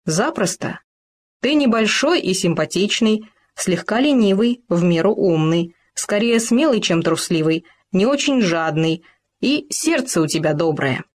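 The storyteller voicing an excitable, anxious young male gopher, raising the pitch for a storybook reading. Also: a little slow. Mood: earnest.

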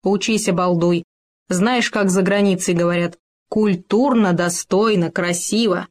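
A woman's voice: lowish voice, fairly even intonation, measured pace. Woman voicing a greedy show-off male hamster, purring and mincing, storybook. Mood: bossy lecturing. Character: boastful male hamster, greedy, affected manners.

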